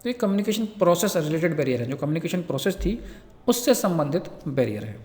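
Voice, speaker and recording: A man gives a nursing lecture in a fairly high voice. He reads each English point slowly before explaining it in everyday words. His voice rings out in a long-reverb room. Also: sing-song, darkish tone. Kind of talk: Hindi lecture explaining from slides.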